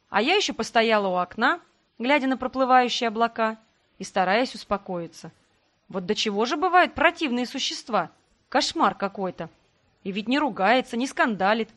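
Woman, audiobook narrator, first-person fiction, calm even reading, somewhat high voice.

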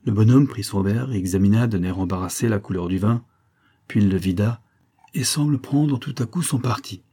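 A man's voice: lowish voice, normal speed, mellow, husky. A man narrating a historical story in French as an audiobook reader, reading steadily.

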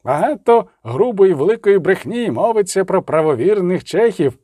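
A man voicing a fiery middle-aged street preacher who declaims and shouts to a crowd. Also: high-pitched, lively intonation, normal speed, no room sound. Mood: rousing.

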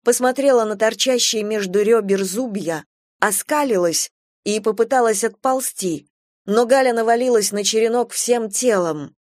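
A woman narrating a horror story in a steady, even reading voice. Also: fairly high pitch, normal speed, dry recording, studio quality. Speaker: audiobook narrator.

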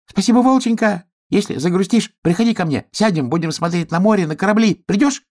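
A man voicing a small, wistful male hedgehog in a storybook reading, with a high, eager, wondering manner. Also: brisk, a little mellow, close to an everyday voice. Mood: overjoyed.

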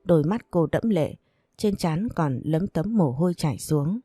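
Lady reading a novel aloud, steady, dry close sound. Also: low voice, a little slow, slightly rough, no echo, soft background music. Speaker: audiobook narrator. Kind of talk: scripted narration of a romance novel.

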